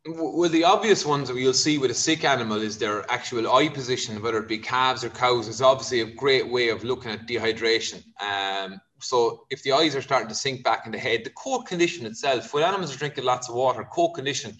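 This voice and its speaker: A man with a west of Ireland accent from Kerry speaks as an expert guest. His voice sits at a medium pitch. He explains in a conversational, informal way, dropping in small asides as he goes. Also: fairly quick, few pauses, a bit bright. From County Kerry, Ireland.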